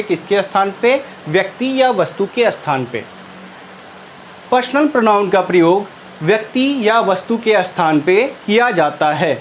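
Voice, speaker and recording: A man teaching an English grammar lesson, slowly repeating and dictating each term. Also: sits high, slight background noise. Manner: slow, repetitive dictation of terms.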